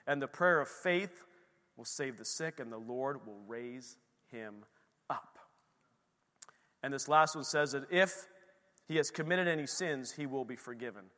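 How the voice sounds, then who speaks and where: A male pastor preaching a sermon, moving between quiet, close storytelling and loud, fervent exhortation. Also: mid-range voice, measured pace, pauses often, in a large hall.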